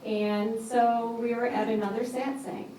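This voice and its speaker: A woman's voice: fairly high pitch, a little slow. Woman telling a story in an echoey hall. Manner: animated, acts out what others said. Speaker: speaker at a yoga retreat. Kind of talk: personal storytelling talk. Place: large echoey retreat hall. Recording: echoey hall from far off, faint hiss.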